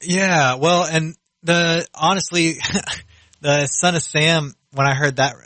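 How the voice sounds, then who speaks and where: A man's voice: a little high, fairly even intonation, takes it slowly, sharp tone, no room sound. A man co-hosting a podcast in casual chat, hesitant and full of fillers, swearing often. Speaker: podcast co-host.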